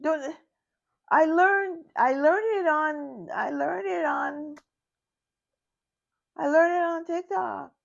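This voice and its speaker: A woman's voice: slow, vocal fry, long pauses, highs cut off, full character voice. A woman voicing an eager, proud grandmother who keeps repeating herself. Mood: bewildered. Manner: high, insistent, repeating herself.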